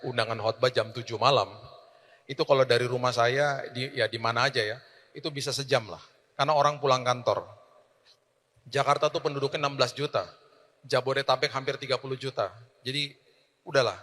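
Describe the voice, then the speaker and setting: A man pastor preaching a sermon, swinging from loud emphatic declarations to quiet storytelling. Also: medium pitch, big-room sound.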